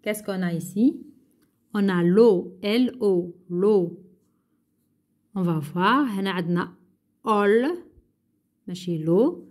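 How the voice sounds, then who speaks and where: Woman teacher, patient, repeats and translates each word, mid pitch. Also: darkish tone. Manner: slow, patient, repeats words and translates French into Arabic. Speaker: primary school teacher. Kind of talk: workbook lesson.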